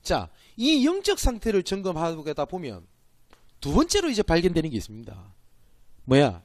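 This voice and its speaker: Gyeongsang guy preaching a training talk, kinda high voice, asks himself questions then answers. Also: wildly swooping pitch, moderate pace, no echo. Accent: Gyeongsang Korean. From Gyeongsang Province, Korea. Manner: emphatic, asks and answers his own questions. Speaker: pastor. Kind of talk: church training lecture.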